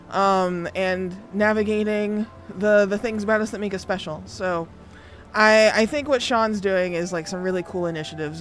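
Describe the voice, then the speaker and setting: A woman livestreaming a game, chatting casually in a bubbly, playful, rambling way. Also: on the low side. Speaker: game streamer. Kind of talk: casual livestream chat while gaming. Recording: music behind the voice. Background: music.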